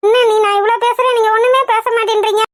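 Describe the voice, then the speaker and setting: Brief: very high squeaky cartoon girl, cheeky teaser, voiced by a woman, dry close sound. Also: steady tone, fast, no echo. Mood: mocking. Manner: teasing, mocking, chatty. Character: cheeky teasing young village woman. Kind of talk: cartoon voice acting.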